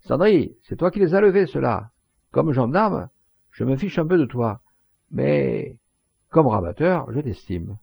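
A man reading the part of a crafty, mocking poacher in a storybook, voicing him with cheeky, shouted taunts and a gravelly voice. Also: on the low side, animated, normal speed, dry recording, full character voice. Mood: taunting.

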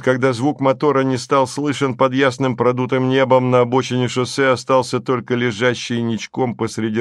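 A man reads an audiobook aloud in a wry, mock-solemn storytelling way. His voice sits at an ordinary pitch for a man. The close studio sound is dry, with no room. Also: no room sound. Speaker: audiobook narrator. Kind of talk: scripted narration.

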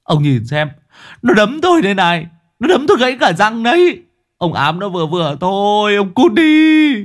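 A man voicing a beaten young man who yells shrilly, then pleads and sobs. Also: sing-song, normal speed. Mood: angry yelling. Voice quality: shrill, strained yelling. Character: young man Kien, beaten, whining and furious.

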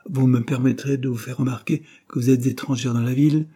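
A man's voice: medium pitch, steady tone, a little fast, mellow, voice pushed up, close to an everyday voice. A man reading aloud plays a coldly polite rent collector who speaks formally and firmly. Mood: stern.

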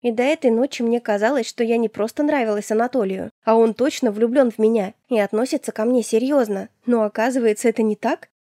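A woman's voice: on the high side, a little fast, few pauses, mellow, no echo, studio quality. A woman reading a first-person audiobook with an indignant, sarcastic, emotional delivery. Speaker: audiobook narrator.

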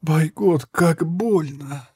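A man's voice: fairly high pitch, very slow, a little mellow, breathy edge, no echo, voice pushed up, heavily acted. A man reading the part of a dying young woman crossbow fighter, speaking weakly in a faint, breathless half-whisper. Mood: weak pained. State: gravely wounded, weak.

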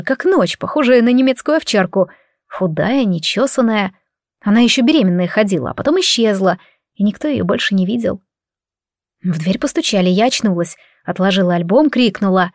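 A woman's voice: mid-range voice, a little mellow, dry recording, clean studio sound. A woman narrating a story in the first person, reflective and wry. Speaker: audiobook narrator.

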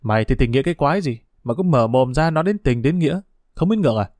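A man voicing an angry, grieving village man who accuses and threatens in harsh, quick speech. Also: mid-range voice, expressive, darkish tone, dry recording, clean studio sound, close to an everyday voice. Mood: angry, accusing.

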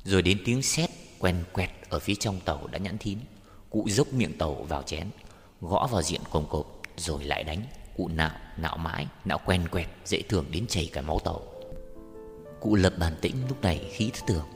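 Male narrator, deep voice, steady storytelling, reverberant room with soft music. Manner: measured, unhurried storytelling. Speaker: audiobook narrator. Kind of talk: scripted short-story narration.

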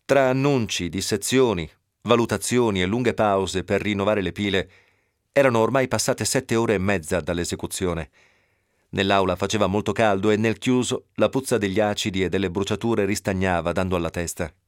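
Male radio reader, low voice, steady storytelling, dry close sound. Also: moderate pace, no echo. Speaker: narrator. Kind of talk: audiobook reading on radio.

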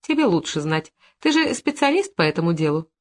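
A woman reading an audiobook, voicing a shrill, indignant woman neighbor who shrieks for help. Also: very animated, a little fast. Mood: sharp, scornful. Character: shrill, hysterical middle-aged woman neighbor.

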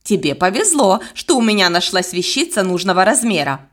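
A gentle, polite old professor in a storybook reading, as a woman lowers her voice for him. He speaks in a measured way, pitched lower than the narration. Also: very animated.

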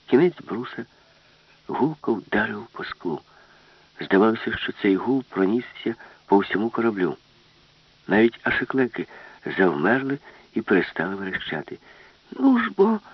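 A man narrating an audiobook with a lively, expressive reading. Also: fairly low pitch, moderate pace, pauses often, breathy edge, dry recording. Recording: dull, lo-fi, dry.

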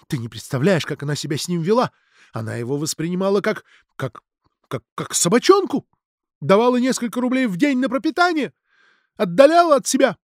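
A man voicing an excitable, tearful young woman who pleads shrilly. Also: a little high, quick pace, no echo, clean studio sound. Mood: tearful, agitated.

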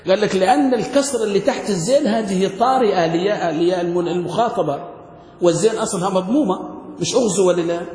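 A man's voice: sits high, quick pace, darkish tone. A man teaches a classroom grammar lesson. He keeps asking his students questions. The sound carries a long, echoing hall reverb. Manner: quizzing students with frequent questions. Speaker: sheikh teaching Arabic grammar. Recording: echoey hall.

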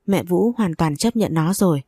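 A woman narrating a first-person audio story in a steady, even reading voice. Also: on the low side, moderate pace, husky, dry recording.

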